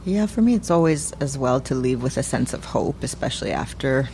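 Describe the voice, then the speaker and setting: A woman's voice: very deep voice, lively intonation, fairly quick, creaky, a little mellow, a little hiss or hum. A woman speaking conversationally as a film guest in an interview.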